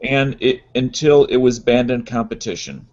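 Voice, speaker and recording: A man talks in a casual group podcast, matter-of-fact and quick to correct or quiz the others. His pitch is ordinary. The sound is dull and lo-fi. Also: darkish tone. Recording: dull lo-fi audio.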